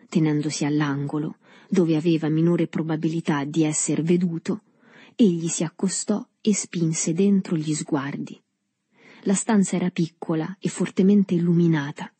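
A woman narrating a novel in a calm, measured audiobook reading. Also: fairly low pitch, breathy edge, no room sound.

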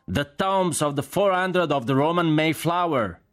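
A man voicing a young American army driver who shouts his answers slowly and deliberately. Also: a little high, expressive, soft background music, pitched above the performer's own voice. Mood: shouting.

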